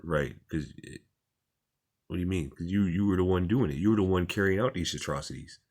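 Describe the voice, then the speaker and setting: Low-voiced man giving plain-spoken commentary. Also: brisk, darkish tone. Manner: plain-spoken, informal and repetitive. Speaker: religious commentator. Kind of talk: reading and commenting on articles.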